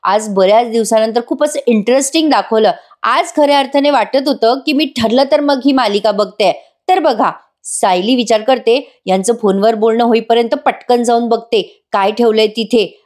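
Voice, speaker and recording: A woman's voice: fairly high pitch, normal speed, few pauses, darkish tone. Chatty woman recapping a TV serial. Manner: chatty, addresses viewers, laughs often. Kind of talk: casual storytelling recap.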